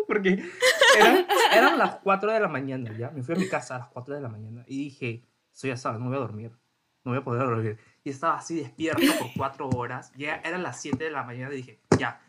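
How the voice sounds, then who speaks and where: A young man, a podcast co-host telling stories in animated casual chat and swearing freely. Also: mid-range voice, fairly quick, background noise.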